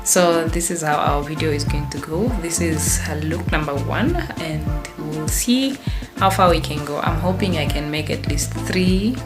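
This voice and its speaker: A woman with a low, deep-set voice talks to a phone on a tripod at her home table. She chats loosely and pokes fun at herself, wandering from point to point. Music plays clearly underneath. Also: normal speed. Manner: rambling, self-deprecating, chatty. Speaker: vlogger. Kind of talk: casual vlog talk. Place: at home at a work table, indoors. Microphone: phone camera on a tripod.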